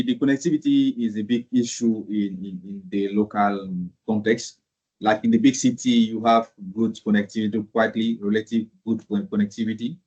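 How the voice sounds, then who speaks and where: A male panelist with a husky, low voice that stays flat in pitch. He repeats words and rambles as he answers the question. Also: dull audio. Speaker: online panelist.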